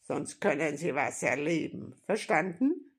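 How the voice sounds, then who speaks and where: A woman voicing a gruff, bossy male robber in a storybook reading, barking commands and growling threats. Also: deep voice, animated, a little slow, full character voice. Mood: gruff, threatening.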